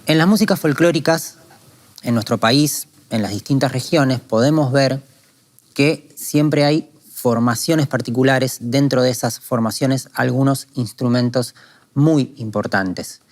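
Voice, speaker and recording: A calm, methodical man from Argentina, explaining guitar strumming technique in a lesson. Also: mid-range voice, a little slow. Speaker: guitar teacher. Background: guitar playing.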